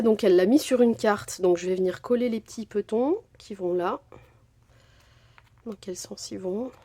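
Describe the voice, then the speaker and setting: A woman's voice: medium pitch, warm tone. Chatty woman gushing over craft gifts. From France. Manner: chatty, gushing, many fillers. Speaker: crafting vlogger. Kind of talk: casual unboxing chat.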